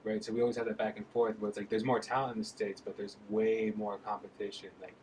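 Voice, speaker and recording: Chatty male interviewer, faint rumble. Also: level tone, darkish tone, poor audio. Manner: chatty, upbeat, quick follow-up questions. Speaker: interviewer, host. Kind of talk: casual interview chat.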